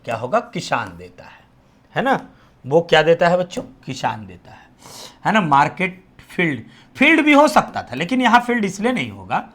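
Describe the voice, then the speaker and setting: A high, lively male teacher with a Bihari Hindi accent runs an exam-prep lesson. He keeps asking his students questions and repeats each answer back to them. He often sinks to a near-whisper on the answers. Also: moderate pace.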